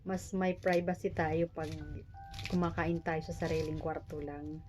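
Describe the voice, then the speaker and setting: A woman's voice: low-pitched, level tone, a little slow, a little mellow, soft background music. A Filipino woman in her forties with missing front teeth chats casually and jokingly to viewers while preparing food, poking fun at herself. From Philippines. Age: 40s. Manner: jokey, self-deprecating. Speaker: vlogger. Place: small private room.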